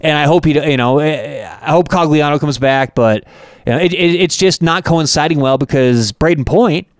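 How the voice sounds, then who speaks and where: Lively Canadian man talking sports. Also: fairly high pitch, moderate pace, dry recording, studio quality. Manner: excitable, animated when imitating announcers. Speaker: podcast co-host. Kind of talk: casual sports chat.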